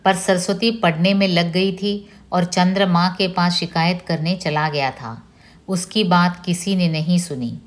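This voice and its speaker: A woman lecturer reads a novel aloud to her class in a slow, deliberate way. Her voice sits somewhat low. Her delivery is steady and careful. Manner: measured, deliberate reading.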